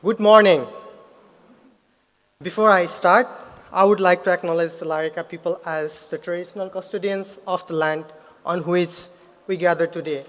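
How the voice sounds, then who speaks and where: A young man from Nepal with a Nepali accent, giving an earnest graduation speech with pauses and self-corrections. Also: high-pitched, steady tone, fairly bright tone. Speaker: graduate speaker. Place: large ceremony hall. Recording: hall reverb.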